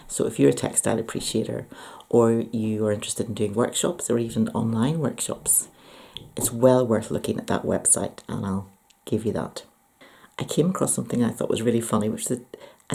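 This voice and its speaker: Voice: mid-range voice, vocal fry, warm tone. A speaker with a Northern Irish accent talking casually to viewers about books in a reflective, enthusiastic way. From Northern Ireland. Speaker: book and poetry vlogger. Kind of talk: casual book review talk to viewers.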